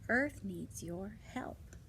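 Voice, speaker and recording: Reading children's non-fiction aloud extremely slowly, a woman with a medium-pitched, animated voice pauses for casual asides and simple rhetorical questions meant for young listeners, explaining things plainly. Some background noise sits behind her voice.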